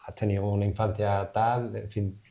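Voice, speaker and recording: A man's voice: lowish voice, little pitch movement, normal speed, vocal fry, warm tone. A man hosting a podcast interview, speaking casually and a little tentatively, often ending with "¿no?". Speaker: podcast host. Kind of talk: conversational interview.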